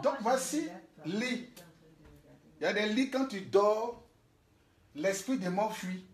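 A man's voice: sits high, lively intonation, slow pace. A man, a prophet filming a casual video diary in a hotel room on a handheld phone, telling stories animatedly with laughs and exclamations. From Côte d'Ivoire. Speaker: prophet and spiritual guide.

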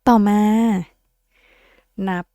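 A woman's voice: extremely slow, warm tone, dry recording, clean studio sound. A young woman hosting a casual, playful tarot reading, chatting to her viewers and laughing often. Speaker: tarot reader and host.

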